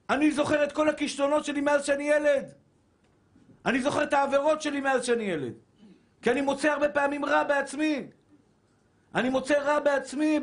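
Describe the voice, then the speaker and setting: A man preaching a Torah sermon as a rabbi, fervent and shouting, repeating phrases for emphasis and calling listeners his brothers. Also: very high voice. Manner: addresses listeners as brothers and dear souls.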